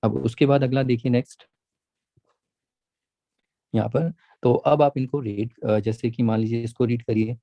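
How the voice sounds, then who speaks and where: A man teaching a math lesson, patiently repeating each point and stretching key words out slowly. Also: mid-range voice, flat delivery, creaky, no echo, muffled recording. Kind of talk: classroom lesson, mixing Hindi and English.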